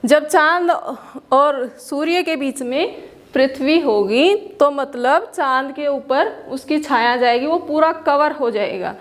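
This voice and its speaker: A woman's voice: high-pitched, takes it slowly. A woman teaching a school class, explaining patiently, asking questions and answering them herself, and mixing English words into her Hindi. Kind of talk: classroom lesson.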